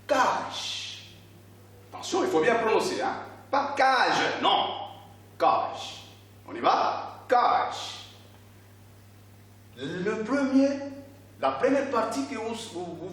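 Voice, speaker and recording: A man teaching a primary school reading lesson, speaking slowly and deliberately, stretching out syllables and repeating words for the class. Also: high-pitched. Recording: echoey room, voice from a distance.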